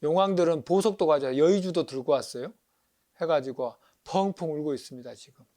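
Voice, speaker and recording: A man, a Buddhist monk, giving a lively lecture on paintings, acting out sounds and asking his listeners questions. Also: on the high side, a little fast. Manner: animated, acts out crying animals, asks audience questions.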